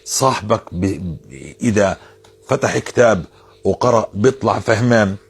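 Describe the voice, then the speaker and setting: A man's voice: fairly low pitch, unhurried, breathy edge, soft background music. A man giving informal religious advice, earnest and insistent, repeating phrases to drive his point home.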